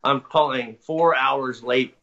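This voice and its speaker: A man talking as an interview guest, winding through his story with restarts and corrections. His tone is bright and forceful. The recording sounds muffled and lo-fi. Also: mid-range voice, takes it slowly. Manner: rambling, self-correcting narration. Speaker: guest recounting experiences. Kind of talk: casual storytelling. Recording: dull lo-fi audio.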